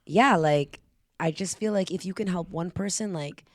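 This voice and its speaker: A woman and nonprofit founder, a guest in a casual podcast interview, telling lively stories. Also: fairly low pitch, normal speed, no room sound, clean studio sound. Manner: animated storytelling, acts out quoted voices. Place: Toronto-based.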